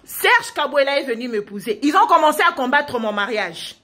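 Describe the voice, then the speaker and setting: High-voiced woman, fervent appeal. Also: big pitch swings, moderate pace, sharp tone. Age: 20s. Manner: insistent, repetitive, rhetorical questions, stumbling restarts. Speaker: provincial deputy denouncing her parents. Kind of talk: impassioned public appeal.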